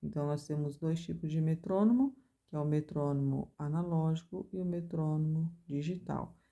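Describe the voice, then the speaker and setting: Low, mellow-voiced woman teaching music. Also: moderate pace, lo-fi sound. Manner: explains step by step, chants rhythm syllables with stress. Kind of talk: recorded music theory lesson.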